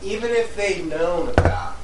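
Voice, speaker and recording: Man, casual chat, lively pitch, distant mic, echoey noisy room. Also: a little slow.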